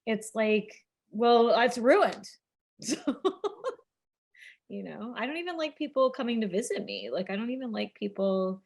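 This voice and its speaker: A woman co-hosting a casual podcast chat, animated and laughing, with many filler words. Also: medium pitch, normal speed, vocal fry. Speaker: podcast co-host.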